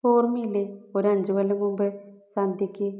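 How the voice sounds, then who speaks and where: Storybook lover, voiced by a woman narrator: shy, devoted young village girl, level and even in tone, roomy dull recording. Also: mid-range voice, a little fast, close to an everyday voice. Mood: tender.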